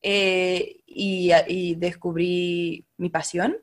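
A woman's voice: fairly low pitch, little pitch movement, extremely slow. A woman, a teacher speaking as a podcast guest, thoughtful and often hesitating. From Spain. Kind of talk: casual interview talk.

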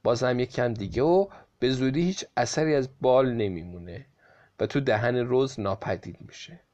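A man narrating a folk tale in a calm, steady storytelling voice. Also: medium pitch, dull audio.

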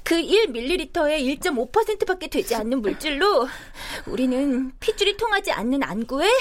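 Schoolgirl daughter, very high voice, lively swings, lecturing, blunt, radio drama. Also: brisk. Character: chatty, know-it-all schoolgirl daughter, blunt and unfazed.

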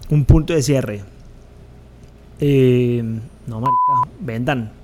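A man's voice: mid-range voice, wildly swooping pitch, takes it slowly. A man, co-hosting a casual chat with teasing, slangy banter.

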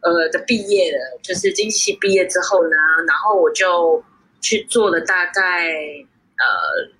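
一位三十多岁、在台湾长大的女侍酒师，通过远程连线接受访谈，说话随意，常笑，停顿和语气词很多。. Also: female voice, on the low side, animated, unhurried, sharp tone, breathy edge, poor audio. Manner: chatty, laughs often, many fillers. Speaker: guest sommelier. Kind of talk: casual interview over a remote call. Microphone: video call.

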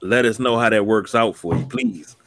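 A man's voice: on the low side, moderate pace, a bit bright, no room sound. A man hosting a podcast, chatting casually in a folksy, jokey storytelling way. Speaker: podcast host. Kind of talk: casual chat.

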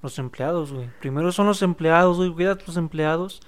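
Young Mexican man, fairly high voice, smooth and clear, crude storyteller who plays out the arguments. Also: a little fast. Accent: Mexican Spanish. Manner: profane, storytelling, acts out quoted arguments. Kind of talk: casual chat.

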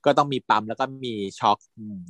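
A man's voice: mid-range voice, fast, no echo. A man co-hosting a podcast, casually retelling drama scenes and acting out the quoted lines. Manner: animated storyteller, acts out quoted lines in raised voice. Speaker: podcast co-host recapping a drama series.

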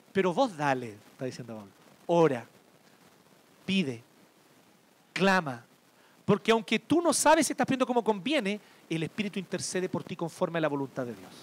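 A man preaching a sermon in a Chilean Spanish accent, shifting between loud emphasis and hushed, tender passages. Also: very high-pitched. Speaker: pastor.

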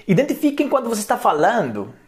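A man's voice: sits high, wildly swooping pitch, quick pace. A man, giving a chatty, playful live English lesson as a coach. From Colombia. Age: 30s. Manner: playful, chatty, peppers talk with tag questions. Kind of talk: live-streamed language lesson.

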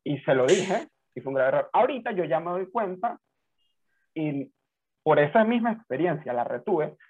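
Man guest on a tinny phone line, somewhat high, husky, thoughtful storyteller. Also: big pitch swings, moderate pace, slight background noise. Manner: reflective, tells personal anecdotes. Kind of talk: casual conversation.

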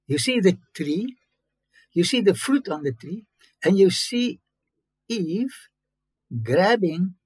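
Recounting his own story in English, this South African interview guest, a native Afrikaans speaker, has a fairly high, raspy, gravelly voice and keeps stopping and starting, with sudden emphatic bursts. The audio is close and dry, without any room sound.

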